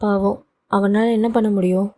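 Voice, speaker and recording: A woman voicing a young daughter who gently reassures her mother. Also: mid-range voice, fairly even intonation, measured pace, close to an everyday voice. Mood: soothing. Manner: soothing, reassuring.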